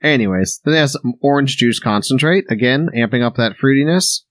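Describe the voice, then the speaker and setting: A man with a mid-range voice, relaxed and agreeable as he reads ingredients and jokes along. The recording is close and dry. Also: medium pitch, a little fast, no room sound. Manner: easygoing, agreeable, reads lists aloud. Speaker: podcast co-host. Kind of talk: casual chat, reading ingredients.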